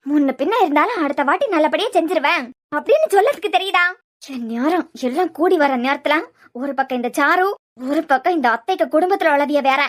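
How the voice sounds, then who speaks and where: A woman's voice: high-pitched, expressive, fairly quick. A woman voicing a jealous, scheming young woman in a cartoon series, muttering spitefully in a Kanyakumari Tamil accent. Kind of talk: cartoon web series voice acting.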